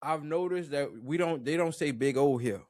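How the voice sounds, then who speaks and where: A man's voice: on the high side, moderate pace, a little mellow, no room sound, studio quality. A young man with a New Orleans accent, chatting casually as an interview guest, laughing often and playfully imitating how people talk. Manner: laid-back, laughs often, playful mimicry. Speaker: interview guest, independent musician.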